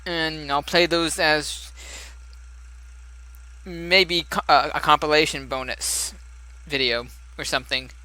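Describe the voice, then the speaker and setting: A man's voice: on the high side, steady tone, takes it slowly, pauses often, sharp tone, low-quality recording. A young man commentating as he plays a story game, chatty and musing aloud with frequent laughs. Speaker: let's play gamer.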